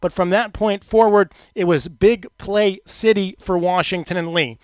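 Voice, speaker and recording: A man calling a college football game live on radio as the play-by-play announcer, with energetic, emphatic delivery. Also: high-pitched, moderate pace, no echo. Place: press box at a college football stadium.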